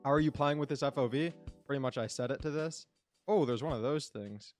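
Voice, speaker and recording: Over faint background music, a man streaming a game chats away in a brisk, mid-range voice. His commentary is casual and rambling, and he often speaks directly to his chat.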